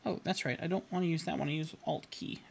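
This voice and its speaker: A man in his thirties, a caricature artist, streams live from an indoor home studio while painting, narrating casually into a headset with self-deprecating rambles and frequent chuckles. His fairly high voice is fast and fairly even, with vocal fry and slight background noise.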